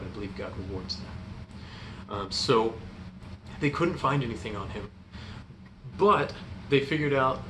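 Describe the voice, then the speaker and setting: In a reverberant room with noticeable background noise, a young man gives an informal sermon to youth. His voice sits at an average pitch, and he speaks earnestly, with a hesitant, stop-and-start delivery. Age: young adult. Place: indoor room in front of a stone fireplace.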